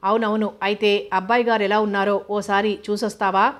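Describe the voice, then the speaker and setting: A woman's voice: medium pitch, level tone, fairly quick, close to an everyday voice. A woman voicing a distracted middle-aged mistress of a household in an audio novel, speaking hesitantly. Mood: anxious.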